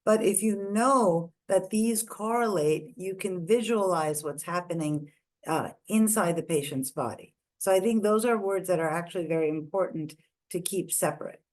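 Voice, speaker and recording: A woman from India, English being her second language, leads an online ear anatomy lecture, working methodically through scans and naming structures one after another. Her voice is on the low side and a touch mellow, at a moderate pace.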